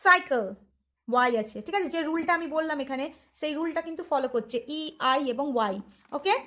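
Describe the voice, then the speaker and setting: A woman's voice: sits high, fast talker, a bit bright. A woman hosting a children's phonics lesson, talking in a sing-song teacher tone that keeps checking whether her young learners follow, with English words mixed into her speech. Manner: mixes Bengali with English words. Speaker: channel host and teacher.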